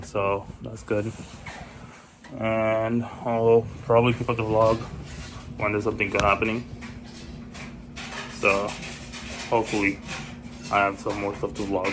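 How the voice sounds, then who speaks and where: A man vlogging casually, a bit sick and husky, rambling as he walks out and back home with a handheld camera. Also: lowish voice, background noise. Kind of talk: casual vlog chat. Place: walking outdoors and at home.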